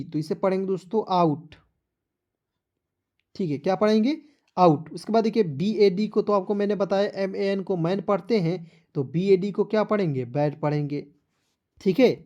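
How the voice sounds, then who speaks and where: Mellow-voiced man teaching phonics. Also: high voice. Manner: spells words letter by letter, then quizzes viewers; patient, repetitive explaining. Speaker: English teacher. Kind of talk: online phonics lesson.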